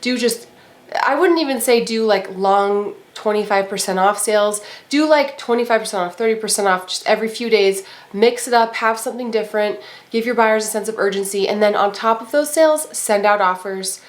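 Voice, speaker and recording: A woman's voice: mid-range voice, fairly quick. A woman, possibly in her thirties, chatting casually to camera with a congested, nasal voice from a cold, rambling with lots of fillers. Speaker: vlogger and eBay reseller.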